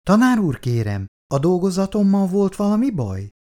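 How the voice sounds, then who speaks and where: A man's voice: high voice, sing-song, darkish tone, pitched above the performer's own voice. Man reading as a timid young schoolgirl. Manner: shy and hesitant. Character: young schoolgirl, timid, hoping to study medicine. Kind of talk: reading a novel aloud.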